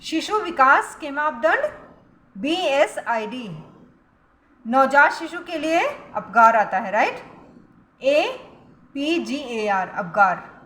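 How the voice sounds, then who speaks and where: A high-voiced woman teaches an exam-prep lesson, slipping Indian-accented English terms into her talk. She coaxes her students and keeps checking that they follow. The sound is bright and sharp, in an echoey room with a faint hiss behind. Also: very animated, slow, pauses often. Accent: Indian English words mixed into Hindi. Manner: coaxing, calls students beta, keeps asking "correct?".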